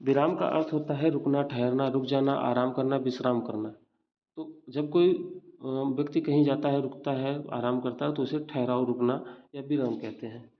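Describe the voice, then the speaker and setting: A man teaching a grammar lesson for exam preparation, explaining step by step with worked examples and questions to his students. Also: medium pitch. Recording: dull lo-fi recording.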